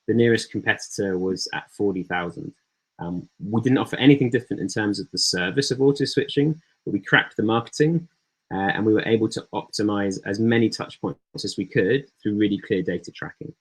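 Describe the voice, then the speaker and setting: A man with a fairly low voice walks through his slides on a video call. He talks in a relaxed way and leans on ums and uhs between points. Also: fairly quick, breathy edge, low-quality recording. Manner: relaxed, filler-heavy delivery. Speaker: startup founder giving a talk. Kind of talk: presentation with slides.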